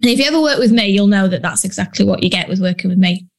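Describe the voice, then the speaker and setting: Animated and rapid-fire, with vocal fry on a medium-pitched voice, a Yorkshire-accented business coach talks on her solo podcast. She's from northern England, blunt and chatty, dropping frequent ums and British slang.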